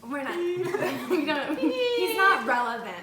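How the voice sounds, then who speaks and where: A woman's voice: high-pitched, very animated, slow pace. Young woman vlogger, chatty n giggly, says like a lot, noisy echoey phone recording. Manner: giggly, chatty, many "like" fillers. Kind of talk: casual chat and storytelling. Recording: echoey with loud background noise.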